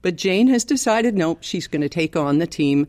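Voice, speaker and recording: Older Canadian woman chatting, low voice, towel over head. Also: animated, moderate pace, darkish tone. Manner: chatty, laughs easily. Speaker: podcast co-host. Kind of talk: casual chat. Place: hotel room, under a towel with pillows behind the mic.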